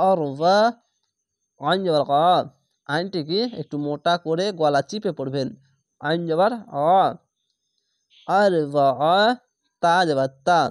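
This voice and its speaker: Slow man spelling out recitation. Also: on the high side, clear, resonant tone, dry recording, clean studio sound. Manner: slow, spells each syllable then reads it whole, repeats. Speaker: Quran reading teacher.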